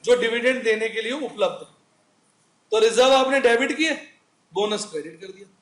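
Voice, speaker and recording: High-voiced male teacher, echoey room. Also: normal speed. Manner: chatty, asks the class questions and answers them. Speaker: accounting teacher. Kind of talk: recorded classroom lecture.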